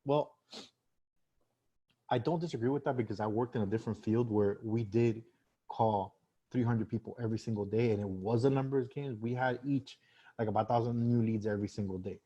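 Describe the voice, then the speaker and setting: A man's voice: fairly low pitch, brisk, warm tone, lo-fi sound. A man teaching sales in a casual live-stream talk, conversational with many fillers and restarts. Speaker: sales trainer.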